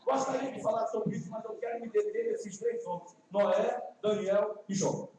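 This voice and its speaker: Northeastern Brazilian preacher in echoey church. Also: male voice, sits high, mellow. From Ceará, Brazil. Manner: folksy, joking asides, then slow emphatic preaching. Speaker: guest preacher. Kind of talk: evangelistic sermon. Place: church sanctuary. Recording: echoey distant church livestream.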